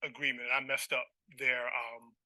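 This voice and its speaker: Bright-voiced man, halting and defensive. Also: mid-range voice, level tone, dry recording. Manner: halting, stammering, repeats himself. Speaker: litigant on a TV court show. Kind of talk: defensive explanation to a judge.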